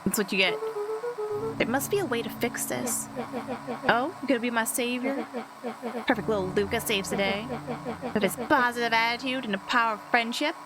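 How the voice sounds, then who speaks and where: A woman's voice: fairly high pitch, moderate pace, long pauses, loud music behind the voice, natural voice, rough recording. A woman doing a bitter cursed monster boy. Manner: sulky and resentful.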